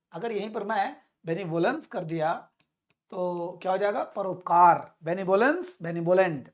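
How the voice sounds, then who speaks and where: A woman leads a spoken vocabulary lesson, and her voice sits a little low. She repeats each new word again and again, coaxing listeners to memorize it. She speaks directly to her companions watching. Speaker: English teacher.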